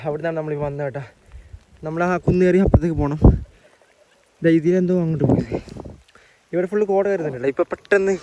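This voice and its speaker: A man talks quickly and chattily to his viewers while walking a rainy hillside trail outdoors. His voice sits a little high. He records into a handheld phone. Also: a little hiss or hum. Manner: chatty, addresses viewers as guys. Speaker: vlogger. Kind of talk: casual travel vlog commentary to viewers.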